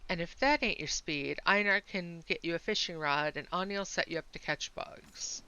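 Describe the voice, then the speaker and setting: A gruff but welcoming village innkeeper, read by a woman in her own voice who gives easy, chatty advice. The tone is bright and slightly low. It sounds like game dialogue read aloud. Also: normal speed, low-quality recording. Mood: friendly. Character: friendly welcoming village innkeeper, a bit grumpy.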